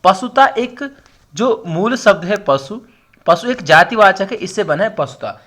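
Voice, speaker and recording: A man's voice: high-pitched, animated, a little slow, a bit bright. A young man with an Uttarakhand Hindi accent, teaching an online exam-prep class and explaining with repetition and emphasis. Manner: explanatory, repeats words for emphasis, addresses students directly. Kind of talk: online lesson.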